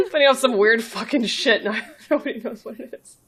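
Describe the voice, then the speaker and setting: Woman streamer, giggly, lively pitch, slightly high voice, casual gameplay chat. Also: normal speed, breathy edge. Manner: giggly, swears freely. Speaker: let's play streamer.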